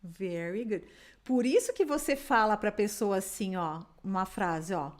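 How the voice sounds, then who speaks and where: A woman from Brazil teaching an English lesson in Portuguese, patiently drilling words slowly for the listener to repeat. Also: mid-range voice, lively intonation. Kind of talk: online language lesson.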